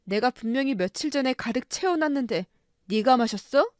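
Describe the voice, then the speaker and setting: A woman's voice: high voice, expressive, moderate pace, no echo, studio quality. A woman voicing a drunk, violent middle-aged husband who talks harshly and scornfully in a story radio drama. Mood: drunken rage.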